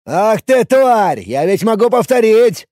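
A man plays a shouting young street thug, high, loud and swinging wildly in pitch as he curses. The voice is dry and close, like a storybook read right into the mic. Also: very animated, unhurried, no echo. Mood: aggressive. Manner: yelling, swearing. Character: aggressive young male thug, shouting and menacing.

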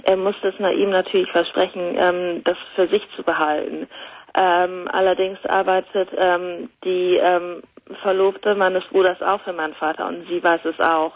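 A woman's voice: fairly low pitch, level tone, normal speed, slightly rough. A woman in her mid-thirties from Germany, telling a personal story hesitantly as a caller to a talk show. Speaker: radio call-in guest. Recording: narrow tinny telephone line.

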